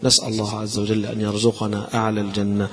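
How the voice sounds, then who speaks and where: A man with an Egyptian accent preaching a sermon, telling the story with animated, acted-out dialogue. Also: lowish voice, racing. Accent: Egyptian Arabic. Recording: long hall reverb.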